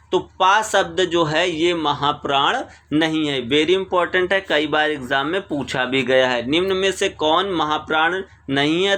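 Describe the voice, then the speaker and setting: In a screen-recording voice-over, a man works through exam questions, reading each one aloud, repeating it, then explaining the answer. His voice sits on the high side with a fairly bright tone.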